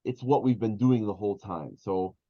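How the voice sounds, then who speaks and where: A man teaching an Arabic class, explaining slowly with many fillers and restarts. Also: lowish voice. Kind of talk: online class lesson. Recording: dull lo-fi sound.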